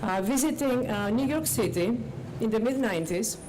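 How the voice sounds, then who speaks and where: A woman giving an informal public speech as a guest official, in deliberate, halting short phrases. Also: a little high, expressive. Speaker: government agency director, guest speaker. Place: outdoors on a public street. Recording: outdoor street with loud traffic noise. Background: clear traffic noise.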